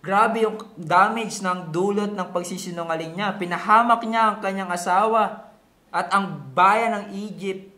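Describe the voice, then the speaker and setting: Preaching in a mix of Tagalog and English, a Filipino pastor uses rhetorical questions and repeated key words in a didactic style. His high-pitched voice is pushed and bright, he takes his time, and the room echoes.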